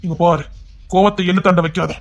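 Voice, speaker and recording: A man voicing a stern, furious middle-aged uncle in an audio drama, shouting threats in loud outbursts. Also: high-pitched, fairly even intonation, brisk. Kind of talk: Tamil audio drama acting.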